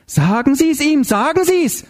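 A man's voice: sing-song, normal speed, dark tone, husky. A man reading an audiobook voices a hysterical, bloodied older woman who rants frantically about a demon. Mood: shrill. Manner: shrill, frantic, hissing. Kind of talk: audiobook character voice.

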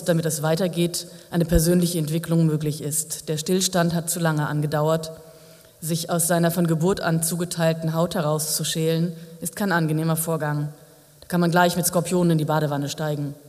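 A man's voice: on the high side, a little mellow. Man narrating a novel with wry asides. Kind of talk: audiobook narration. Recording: long hall reverb.

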